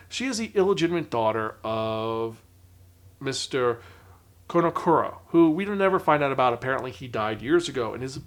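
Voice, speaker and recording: A man hosting a podcast, giving a casual, animated manga review and acting out quoted characters. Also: vocal fry. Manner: animated, acts out quoted characters with raised pitch.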